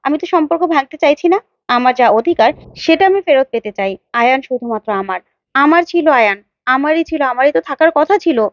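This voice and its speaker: A woman's voice: high voice, animated, quick pace, dry recording, highs cut off. Woman voicing a desperate, obsessed young woman. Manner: pleading, insistent.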